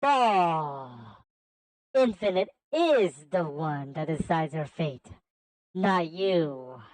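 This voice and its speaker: A woman voicing a cold, menacing male villain who calls everyone a worm, making slow, grandiose threats that break into frantic stammering. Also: sits low, animated, a little mellow, no room sound, voice pushed down, full character voice, poor audio.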